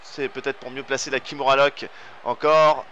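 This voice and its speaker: A man with a French accent giving excited play-by-play commentary over a wrestling video game, rising to shouts on big moves. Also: medium pitch, moderate pace, highs cut off, slight background noise.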